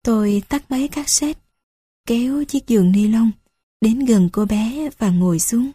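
Slow, breathy woman reading a story. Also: on the high side, warm tone, no room sound, studio quality. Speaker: audiobook narrator. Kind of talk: first-person story narration.

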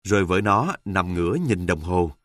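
A man telling an earthy, humorous first-person story with a wry, deadpan delivery. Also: sits low, moderate pace, dry recording, clean studio sound.

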